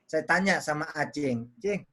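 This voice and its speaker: A man's voice: a little high, normal speed, a bit bright, a little hiss or hum. A man teaching public speaking on a video call, explaining with everyday examples and repeating words to show intonation. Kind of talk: online workshop teaching.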